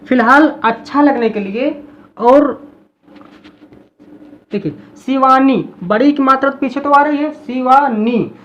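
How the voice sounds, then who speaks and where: A woman teacher explaining a lesson in a classroom style, repeating example words slowly to drill them. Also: high-pitched, lo-fi sound.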